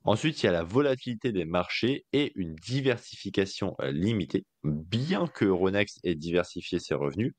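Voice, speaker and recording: A man's voice: low voice, no room sound. A man co-hosting a casual investing podcast, talking loosely with lots of fillers and jokey asides. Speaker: podcast co-host.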